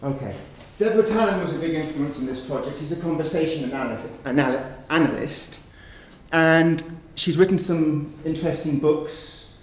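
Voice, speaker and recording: A man whose voice sits on the high side talks at a moderate pace, presenting research to a conference audience. He explains examples with patience and keeps hedging with "sort of." Echo fills the conference room, the mic is far away, and there's faint background noise.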